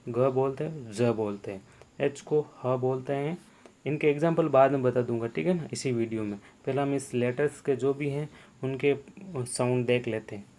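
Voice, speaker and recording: A man's voice: mid-range voice, warm tone. A man teaching the sounds of English letters, repeating each sound and quizzing the viewer. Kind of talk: spoken language lesson.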